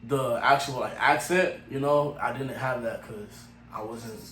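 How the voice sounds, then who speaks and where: Speaking a little slowly in a mid-range, fairly level voice, a Cameroon-born singer in his twenties who grew up in Maryland talks loosely and with plenty of slang as an interview guest. He tends to let sentences fade out softly, against a roomy echo and faint music.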